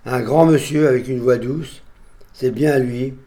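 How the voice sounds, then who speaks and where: Older man, eulogist, measured and solemn, mid-pitched voice. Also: fairly even intonation, mellow. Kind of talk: funeral eulogy read aloud.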